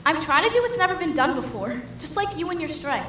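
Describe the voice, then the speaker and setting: A young woman on a school stage playing an ambitious young reporter who talks briskly and persuasively. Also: high voice, big pitch swings, fairly bright tone. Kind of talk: school stage musical acting. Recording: echoey hall, faint noise.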